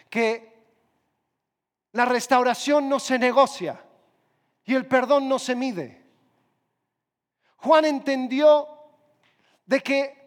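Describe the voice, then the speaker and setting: A male preacher with a strikingly high voice tells a story in sermon style. He draws it out vividly and repeats phrases for weight. His voice rings with a long hall reverb.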